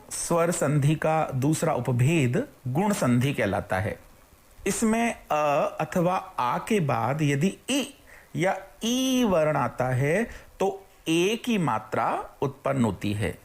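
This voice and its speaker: A teacher giving a recorded grammar lesson, asking the class questions and then praising the answers they imagine. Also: mid-range voice. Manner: slow, deliberate explaining, drawing out example words.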